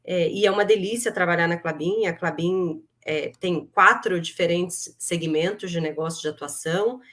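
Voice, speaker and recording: A middle-aged Brazilian woman who grew up in Rio de Janeiro speaks with a fairly low, fairly bright voice at a moderate pace. She's a human resources executive appearing as an interview guest, explaining things conversationally in her Brazilian accent.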